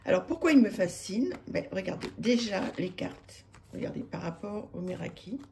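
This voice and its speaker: A woman's voice: mid-range voice, lively intonation, normal speed, creaky, dark tone, slight background noise. A woman, chatting to camera about her tarot decks, hesitant with many fillers and restarts, enthusiastic. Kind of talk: casual chat to camera. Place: home room with street noise outside.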